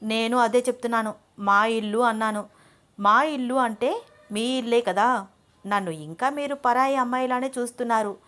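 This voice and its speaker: A woman's voice: a little high, moderate pace, fairly bright tone, natural voice. A woman voicing a headstrong young wife and student who answers back in a pouty, defiant way. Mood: sulky.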